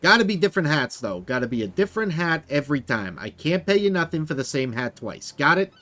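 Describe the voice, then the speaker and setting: A man voicing a brash, fast-talking male hat photographer who flatters everyone and calls them baby, in a video game. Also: fairly high pitch, pitched above the performer's own voice. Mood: pushy flattering.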